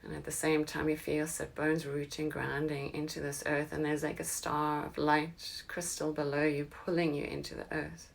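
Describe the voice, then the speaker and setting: This is a slow guided meditation led by a woman whose voice is low and gravelly. She holds a steady, soothing pitch and frequently slips into a soft, breathy whisper.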